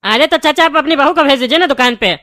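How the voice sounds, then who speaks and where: A woman's voice: high-pitched, quick pace, pushed and bright, no room sound, clean studio sound. A woman voicing a brash cartoon shopkeeper. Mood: bantering. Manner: blunt, bantering, argumentative. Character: brash male sweet-shop owner, quick to argue.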